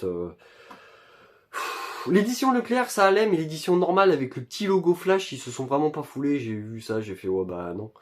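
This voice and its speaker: A young man, chatting casually through an unboxing of his purchases, with plenty of fillers and joking slangy asides. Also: mid-range voice. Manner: chatty, lots of fillers and self-corrections. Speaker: video creator showing his purchases.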